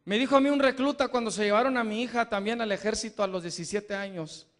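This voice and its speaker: A middle-aged man preaching a sermon to a live congregation in a church, emphatic, repeating his questions and building up to shouts. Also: high-pitched, quick pace.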